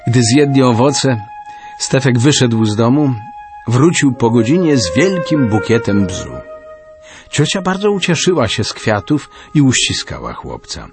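A man narrating a storybook in an expressive reading style. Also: mid-range voice, a little slow, faint music behind.

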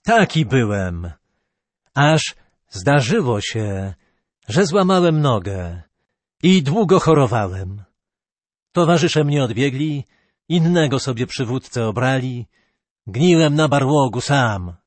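A man's voice: mid-range voice, very animated, slow, long pauses, no room sound. A male narrator voicing a ragged, lame fiddler who is a reformed robber, blunt and humble, in a storybook reading. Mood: rueful.

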